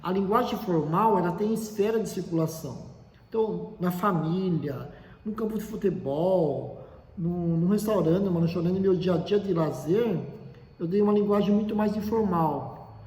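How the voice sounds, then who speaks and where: A man's voice: high voice, normal speed, a little mellow. A man, lecturing as a teacher. He explains step by step, lists examples and keeps checking in with short tag questions. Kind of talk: classroom lecture on language. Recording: echoey room with long reverb.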